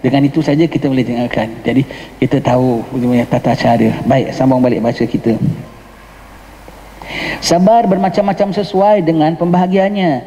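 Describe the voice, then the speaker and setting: Here a man with a Johor Malay accent, a religious teacher, patiently explains a religious text during a mosque lecture, weaving in English words and prompting the listeners with "ha?". His mid-range voice has a dark tone and moves at normal speed. The mosque hall adds long reverb, and there is slight background noise.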